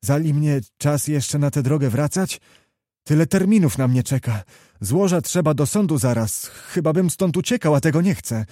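A man's voice: on the high side, animated, moderate pace, warm tone, no echo, studio quality, pitched above the performer's own voice, lightly acted. A man reading the part of a hot-headed, remorseful young nobleman lying wounded, speaking with passion and rising to exclamations. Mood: anxious. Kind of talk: audiobook character reading.

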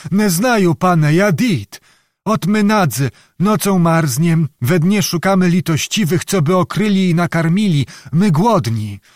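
A man's voice: high voice, lively intonation, unhurried, dry recording, clean studio sound, pitched above the performer's own voice. A man voicing a frightened, evasive old male beggar who plays the lyre, pleading in a Ruthenian peasant dialect. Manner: whining, pleading peasant speech.

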